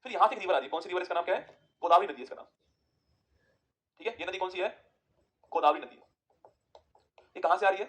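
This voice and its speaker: A man teaching an exam-prep geography lesson, firing quick questions at students and answering them himself. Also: high-pitched, fairly bright tone.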